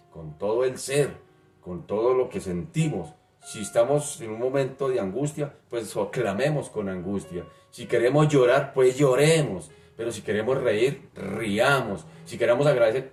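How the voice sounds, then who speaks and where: A man's voice: medium pitch, darkish tone. A man preaching a sermon, emphatic and repeating phrases for stress. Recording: roomy, distant mic, faint music.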